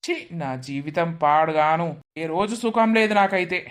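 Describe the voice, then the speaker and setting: A woman's voice: on the low side, moderate pace, close to an everyday voice. A woman voicing a hot-tempered, bitter young village man, snapping in curt, angry bursts.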